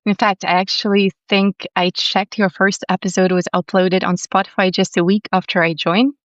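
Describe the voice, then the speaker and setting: A young woman from Latvia, a podcast guest speaking in a calm, soothing and articulate way. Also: medium pitch, moderate pace, dry recording, dull audio. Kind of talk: conversational interview.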